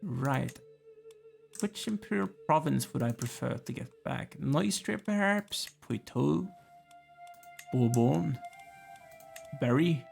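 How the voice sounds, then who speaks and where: A man's voice: medium pitch, expressive, slow, gravelly, pauses often, darkish tone, faint music behind. A tired, yawning man casually commenting as he plays a strategy game, musing aloud and chatting to the characters on screen. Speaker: let's play gamer.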